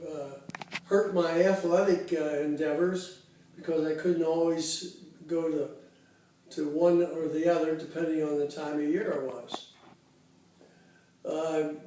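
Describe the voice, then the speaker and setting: Slow, mellow-voiced man in his eighties. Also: on the high side. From Cincinnati, Ohio, USA. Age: 80s. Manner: unhurried, halting, reminiscing with many fillers. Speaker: interviewee. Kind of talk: casual oral history interview. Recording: very echoey room, voice far from the mic.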